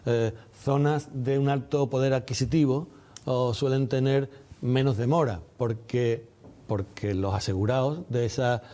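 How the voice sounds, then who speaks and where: Male interviewee, dark mellow tone, mid pitch, explanatory and emphatic through repetition. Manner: measured, didactic, emphatic repetition of key phrases. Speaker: doctor and medical representative being interviewed.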